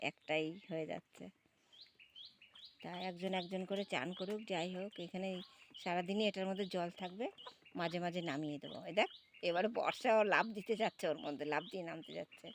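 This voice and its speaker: A woman's voice: on the low side, slight background noise. Chatty woman filming her yard. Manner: chatty, fond and lively with her birds, often calling "look". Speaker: vlogger. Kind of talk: casual home vlog commentary.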